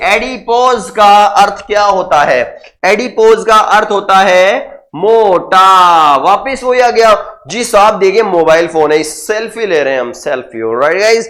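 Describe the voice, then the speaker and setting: A man's voice: high voice, fairly bright tone. A man with an Indian accent teaching vocabulary in an online exam-prep lesson, playful and jokey, repeating answers back as quiz prompts. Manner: sings song snippets and makes sound effects. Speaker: English teacher.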